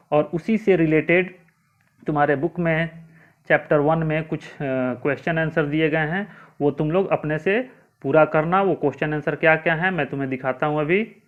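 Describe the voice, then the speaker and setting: A man's voice: on the high side, steady tone, normal speed. A man teaching young pupils a spoken grammar lesson, patiently spelling words letter by letter and asking the class questions he then answers himself. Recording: tinny phone-like audio.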